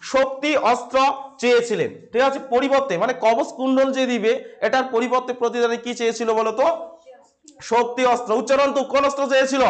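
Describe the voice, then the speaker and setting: High-voiced male teacher quizzing his class. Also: a bit bright. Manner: asks the class questions and answers them himself, repeating key words; keeps checking in with "ঠিক আছে". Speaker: Sanskrit teacher. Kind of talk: classroom lecture explaining a drama text. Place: small recording studio set up as a classroom, with camera, board, computer and lights.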